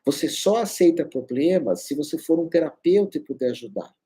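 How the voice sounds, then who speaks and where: Middle-aged São man, holistic teacher; dark, mellow, slightly raised voice; emphatic repetition. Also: fairly high pitch, animated, brisk. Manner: emphatic, repeats key phrases. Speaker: astrologer and holistic therapist. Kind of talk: spiritual self-help talk.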